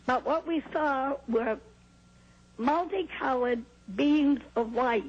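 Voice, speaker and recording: An older woman from New Hampshire calmly recounting a personal experience in an interview, heard on an old VHS tape. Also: sits high, slow pace, slightly rough, highs cut off. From New Hampshire, USA. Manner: calm, plain storytelling with small laughs and restarts. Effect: old VHS tape sound. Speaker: interview guest.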